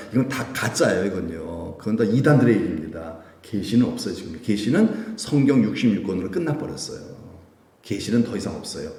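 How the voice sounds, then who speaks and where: A man's voice: lowish voice, mellow. A male pastor preaching a midweek prayer service sermon, asking the congregation rhetorical questions and acting out quoted prayers. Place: church sanctuary. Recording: echoey church room.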